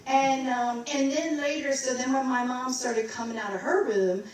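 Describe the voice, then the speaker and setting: Speaking at a moderate pace in a steady, high-sitting voice, a middle-aged singer from Maryland, USA, rambles through her story and scats snatches of tunes. It's a casual onstage interview in a recital hall, recorded from a distance in a roomy space.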